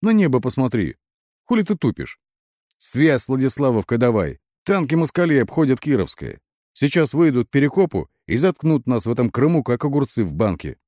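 A man's voice: mid-range voice, sing-song, a little fast, dark tone, no room sound, clean studio sound, voice pushed up, natural voice. A man voicing a brutal, crude male soldier who roars and swears. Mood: furious. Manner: roaring, swearing.

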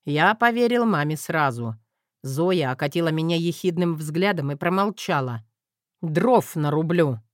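A man's voice: on the high side, animated, measured pace, no echo, studio quality. Wry male audiobook narrator. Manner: wry, self-mocking. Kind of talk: first-person audiobook narration.

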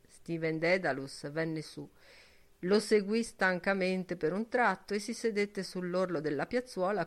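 A woman narrating a literary audiobook in a measured, expressive reading. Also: lowish voice. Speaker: audiobook reader.

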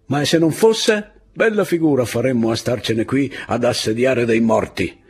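A man playing an exalted, fanatical army captain who shouts at his soldiers in an audiobook reading. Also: mid-range voice, sing-song, normal speed, slightly rough, pitched above the performer's own voice. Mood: tense, commanding.

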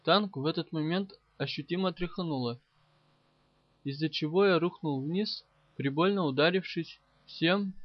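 A man narrating a first-person war novel as an audiobook in brisk, even storytelling. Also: a little high, no room sound, lo-fi sound.

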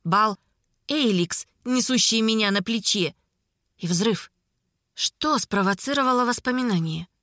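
Woman narrator, first-person audiobook, slightly high voice, wry measured tone, dry close recording. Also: lively intonation, a bit bright, no echo.

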